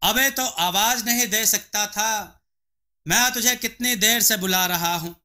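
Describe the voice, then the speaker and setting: A man's voice: high voice, unhurried, pushed and bright, full character voice. Kirodi Mal, a man doing a scornful rich landlord. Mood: exasperated. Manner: scolding, contemptuous. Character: arrogant, harsh rich male landlord.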